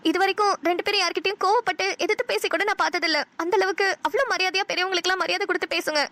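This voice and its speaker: A woman doing an old cartoon wife and mother-in-law with a very high, bright, sharp voice. She rattles off her lines quickly and scolds her husband while staying soft on the family. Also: fairly even intonation, no room sound. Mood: heartfelt. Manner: scolding, emotional. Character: elderly wife and mother-in-law, warm but nagging. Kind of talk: cartoon dialogue.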